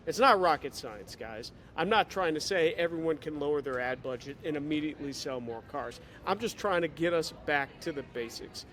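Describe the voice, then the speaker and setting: A man's voice: on the high side, fairly bright tone, slight background noise. Upbeat Chicago man, caffeinated chatter. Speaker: digital marketing consultant for auto dealers. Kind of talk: casual video update. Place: airport terminal.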